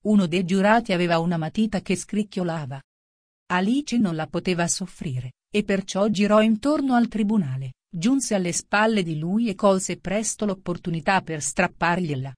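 A woman narrating a children's classic as an audiobook, reading in a measured, even way. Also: mid-range voice, no echo, studio quality. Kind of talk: scripted storybook narration.

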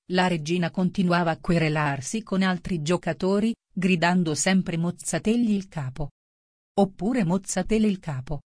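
A woman reading a classic children's tale aloud as narrator, steady and measured. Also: on the low side, no room sound, studio quality.

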